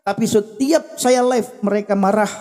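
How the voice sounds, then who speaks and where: A man with a very high voice preaches with fervor on a livestream. He drives his points home through repeated phrases and speaks straight to his listeners. His voice rings with a long, echoing reverb. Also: normal speed, darkish tone, slight background noise. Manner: emphatic, repetitive preaching cadence addressing the audience directly. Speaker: evangelist livestream host.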